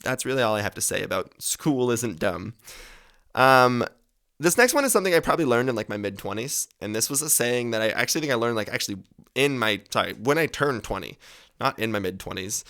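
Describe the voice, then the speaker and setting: A man's voice: medium pitch, expressive, a little fast, vocal fry, sharp tone. A man in his twenties hosting a podcast, giving advice in a casual, rambling monologue, swearing freely and correcting himself as he goes. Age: 20s. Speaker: podcast host.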